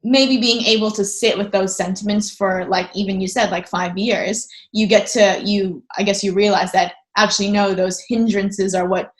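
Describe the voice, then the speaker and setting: A woman's voice: mid-range voice, steady tone, normal speed, hardly any pauses. A woman hosting an interview over a video call, reflective and thinking aloud as she talks. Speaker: host. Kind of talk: casual interview conversation.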